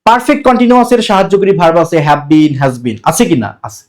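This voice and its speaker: A man with a Bangladeshi Bengali accent teaches English grammar classroom-style, speaking fast in a high voice with big pitch swings. He works through the material step by step, posing his own questions and then answering them.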